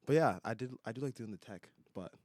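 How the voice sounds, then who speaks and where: A man's voice: medium pitch, quick pace, a little mellow, dry recording, studio quality. A young man with a slight lisp, co-hosting a casual podcast and telling rambling stories full of fillers. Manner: rambling, filler-heavy storytelling. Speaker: podcast co-host. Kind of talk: casual chat. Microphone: studio podcast microphone.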